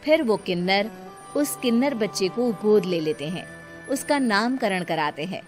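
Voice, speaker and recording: A woman narrates a scripted tale in a mid-pitched voice. She serves as storyteller while music plays clearly behind her. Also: animated, measured pace, darkish tone.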